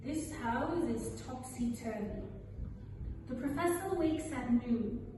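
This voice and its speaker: A woman's voice: high-pitched, animated, takes it slowly, warm tone. A woman reading a stage play from a script as a grumbling old household nurse, scolding and exclaiming theatrically. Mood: indignant grumbling. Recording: echoey hall from far off, clear background noise.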